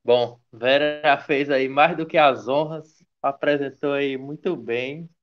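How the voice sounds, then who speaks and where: A man's voice: medium pitch, fairly even intonation, takes it slowly, faint music behind. A man from Ceará, giving an online academic lecture in a hesitant way, with many restarts. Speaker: guest lecturer. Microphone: video call. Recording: dull lo-fi video call audio.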